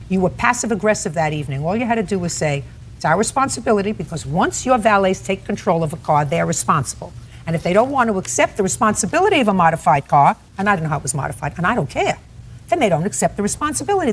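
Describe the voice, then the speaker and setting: A woman judge questioning litigants in a courtroom, sharp and interrupting, scolding them. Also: medium pitch, big pitch swings, quick pace, a little hiss or hum.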